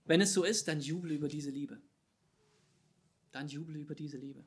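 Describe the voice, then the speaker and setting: A man preaching a sermon, swinging between loud emphatic calls and quiet, low asides. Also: moderate pace.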